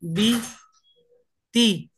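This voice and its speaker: Slow, hesitant male student reciting. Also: high voice, fairly bright tone, slightly rough. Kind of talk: reciting practice syllables.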